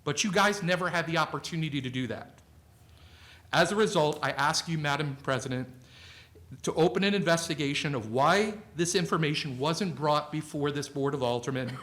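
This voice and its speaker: A man with a fairly high voice addresses a city board during public comment. He makes a formal, demanding request. It is recorded in a council meeting room. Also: fairly bright tone.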